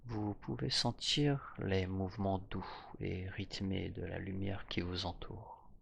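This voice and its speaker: A man narrating a guided hypnosis journey in a soft, slow voice that drifts into whispers. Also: low voice, fairly even intonation, gravelly, slight background noise.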